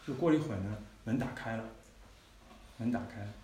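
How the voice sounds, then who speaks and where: A man with a lowish, slightly mellow voice talks fast while preaching a sermon testimony. He tells it conversationally, like a story, often turning to listeners with "you know" asides, recorded in an echoey hall from a distant mic with faint noise.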